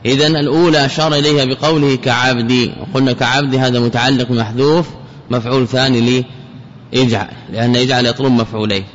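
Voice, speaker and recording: A man teaching a grammar text in a traditional lecture, who repeats key words and examples slowly and chants quoted verses. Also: mid-range voice, steady tone, a little hiss or hum. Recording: muffled lo-fi lecture recording with long reverb.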